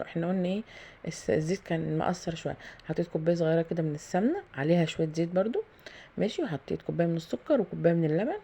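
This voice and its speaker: A woman's voice: fairly low pitch, vocal fry, warm tone, breathy edge. A woman with an Egyptian Arabic accent who talks through a home cooking tutorial in a chatty way, thinking aloud with many fillers and pious phrases, in her kitchen. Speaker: home cooking video host. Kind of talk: casual cooking tutorial narration.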